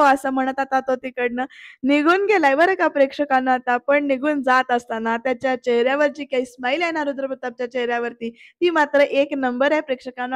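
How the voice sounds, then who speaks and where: A woman's voice: high-pitched, dry recording. A woman narrating a voice-over recap of a TV serial episode in a chatty way, often turning to address the viewers.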